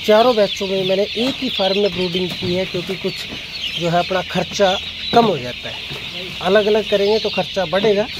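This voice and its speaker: A young man explains his poultry shed to a phone camera in a relaxed, halting way, his voice sitting fairly high. The phone recording picks up the clear chirping of chicks all around him. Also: heavy background noise. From Haryana, India. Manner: conversational, explanatory, many hesitations. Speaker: poultry farmer vlogger. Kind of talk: casual farm vlog talk to camera. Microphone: phone camera held close or at arm's length.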